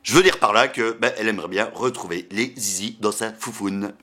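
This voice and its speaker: A man's voice: fairly low pitch, a little fast, noisy background. A man telling a story and chatting to his viewers in a casual vlog, cheeky and irreverent in his humor. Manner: animated, chatty delivery addressing the viewer. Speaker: YouTuber vlogger.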